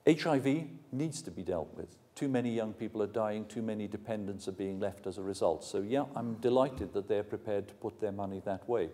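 With a fairly low, dark-toned voice, this Welsh university lecturer in his sixties talks fairly quickly and barely pauses. He's giving a frank, plain-spoken public lecture and handling questions in a large, ornate hall indoors.

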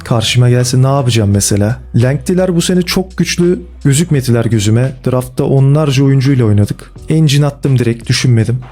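A man commenting casually and excitedly on football game cards as a gaming video host, with slangy, chummy talk aimed at his viewers. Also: medium pitch, a little fast, few pauses. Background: faint background music.

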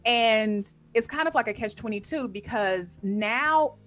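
A woman's voice: a little high, animated, unhurried, fairly bright tone. Woman, podcast guest, casual interview chat, upbeat, emphatic, repeats her points, faint background music.

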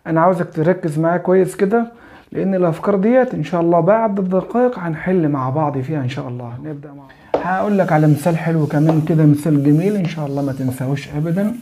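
A man with an Egyptian Arabic accent explaining a French grammar lesson, often checking that the student is following and slowly spelling out examples. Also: a little high, mellow. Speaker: French teacher.

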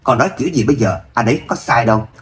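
A man reading the part of a gentle young wife caught between her husband and her mother. She speaks in a soft, pleading way, trying to calm things down. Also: mid-range voice, very fast, a little hiss or hum, lightly acted.

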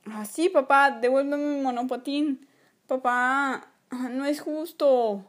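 A woman's voice: high voice, slow. A woman voicing a cheeky toy boy. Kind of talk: toy play acting.

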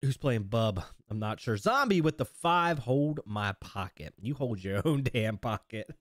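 A man's voice: medium pitch, animated, unhurried, no echo, clean studio sound. Chatty, laughing male live streamer. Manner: casual, chatty, laughs often, reads chat aloud. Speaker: streamer and host. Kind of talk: live stream chat and roleplay commentary.

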